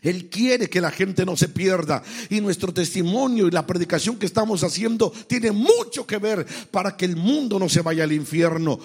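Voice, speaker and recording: Husky-voiced Mexican pastor preaching. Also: male voice, high-pitched, moderate pace, hardly any pauses. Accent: Mexican Spanish. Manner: impassioned preaching, swings between loud exhortation and quiet asides. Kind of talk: sermon.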